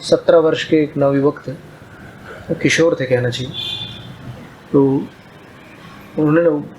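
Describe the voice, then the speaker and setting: Higher-voiced man telling a sermon story. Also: slow, a little hiss or hum, low-quality recording. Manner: calm narrating, retelling dialogue in plain speech. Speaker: preacher.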